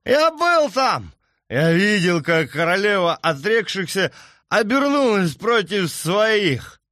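A man's voice: fairly high pitch, big pitch swings, slow pace, no room sound, studio quality, voice pushed up. A man voicing a bitter, unhinged drunk villager who slurs, rants and cackles shrilly, in an audiobook. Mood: raging. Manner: slurring, ranting, cackling shrilly.

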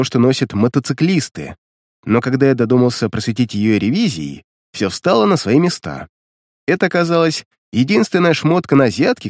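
A man's voice: mid-range voice, a little mellow, no room sound, studio quality. A man narrating a first-person action story with vivid, dramatic storytelling. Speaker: audiobook narrator.

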